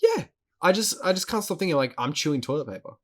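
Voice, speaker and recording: A man's voice: on the high side, big pitch swings, fast talker. Male podcast co-host, casual and profane, laughs a lot, stumbles over repeated words. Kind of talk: casual chat.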